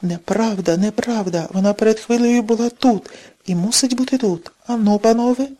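A man's voice: high-pitched, normal speed. Woman reading as an enraged jealous husband. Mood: furious. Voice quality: shouting, accusing. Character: jealous hot-tempered middle-aged husband.

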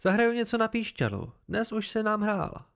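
A man's voice: high-pitched, big pitch swings, creaky, a bit bright, pitched above the performer's own voice, full character voice. A man voicing a boisterous male traveling piper in an audiobook reading. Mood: objecting.

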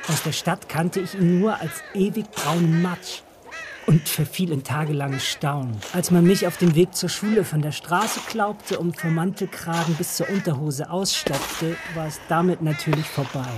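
An actor plays a grown narrator recalling a village childhood, telling the story in a measured, reflective radio drama style. His medium-pitched delivery is lightly acted, with background noise present.

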